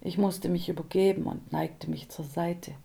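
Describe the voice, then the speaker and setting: A woman narrating an audiobook in a calm, measured way. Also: fairly low pitch, vocal fry.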